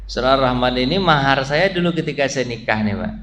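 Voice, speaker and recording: A man's voice: medium pitch, animated, brisk, fairly bright tone. A male preacher giving a mosque study talk, joking with the congregation and chanting Quran verses in between. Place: mosque hall. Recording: echoey mosque with faint hum.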